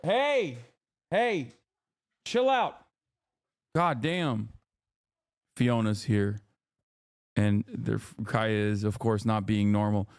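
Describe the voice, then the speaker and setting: A man's voice: on the low side, lively intonation, extremely slow, pauses often, smooth, dry recording, clean studio sound. A man hosting a livestream, reacting to clips in profane, incredulous rants. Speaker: livestream host. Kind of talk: casual streaming commentary.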